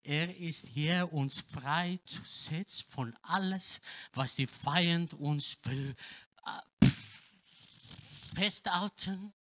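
Male preacher, German speaker, slow delivery, hushes then shouts. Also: a little high. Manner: non-native German with grammar slips, swings from hushed to shouting. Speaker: pastor. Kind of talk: sermon. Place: church hall.

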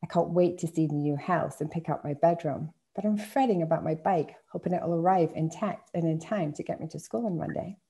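Gravelly woman author reading aloud. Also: low voice, a little fast, hardly any pauses, dark tone. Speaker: author reading her work. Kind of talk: reading aloud a first-person story.

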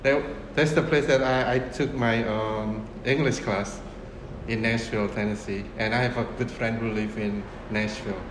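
A man in his fifties, originally from Indonesia, a restaurant owner speaking in a casual interview, unhurried and full of fillers and restarts. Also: fairly low pitch, steady tone. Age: 50s. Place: restaurant dining room, indoors. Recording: roomy echo with room noise.

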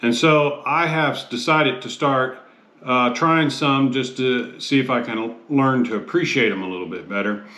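An American man in his fifties giving a casual review to camera in a measured, halting way, often pausing mid-phrase. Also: medium pitch, sharp tone. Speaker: host of a pipe tobacco review show. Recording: roomy, echoey sound.

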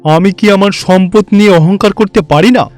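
For a Bengali animated fairy tale, a man voices a vain, boastful god of wealth who fawns before his superiors, in a theatrical cartoon style. His high, natural voice runs at normal speed, proud and gloating, pompous and showy. The sound is dry with faint music behind.

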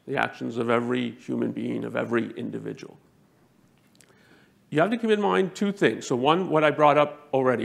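A man giving a lecture to a live audience, talking emphatically, jumping up in pitch to stress points and often restarting his sentences. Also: creaky. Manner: self-correcting, frequent restarts.

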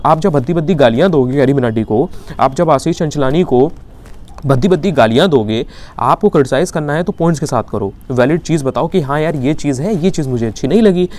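A man's voice: fairly high pitch, mellow. A man with an Indian accent giving an indignant opinion commentary, arguing with rhetorical questions. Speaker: YouTube commentator.

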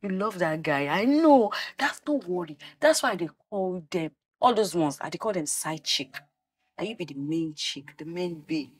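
A woman's voice: on the low side, expressive, moderate pace, husky. A Nigerian woman playing a flashy, boastful young woman who teases and gossips, mixing Pidgin into her English. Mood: gossiping. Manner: teasing, boastful, mixes in Pidgin. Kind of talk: Nollywood film acting.

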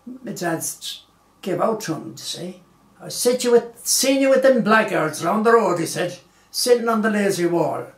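A man, recalling his childhood in a slow, rambling way full of pauses and fillers. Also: high voice. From Galway, Ireland. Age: 90s. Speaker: oral history interviewee. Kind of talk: unhurried storytelling reminiscence. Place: small living room indoors, seated in armchair. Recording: roomy living-room echo.

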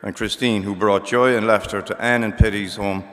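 Man, lowish pitch, steady prayer reading, church echo. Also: moderate pace. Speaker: family member reading prayers. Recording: long church reverb.

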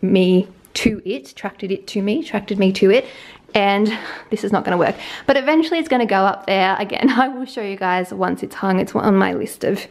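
This lifestyle vlogger is a woman in her twenties with an Australian accent and a slightly hoarse, medium-pitched voice. She gives a casual tour of her small apartment and balcony, scatterbrained and poking fun at herself, holding the camera at arm's length.

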